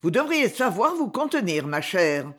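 An audiobook reader voicing a gruff, domineering professor who answers his wife curtly and condescendingly. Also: very animated, normal speed, fairly bright tone. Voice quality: low and curt. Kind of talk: audiobook character reading.

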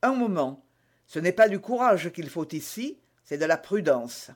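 A bold young musketeer leader, as a male reader puts him on, issuing brisk, commanding orders in a raised, bright voice. He is clever and self-assured in this storybook telling. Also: high-pitched, sing-song, full character voice. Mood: persuasive. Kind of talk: audiobook reading.

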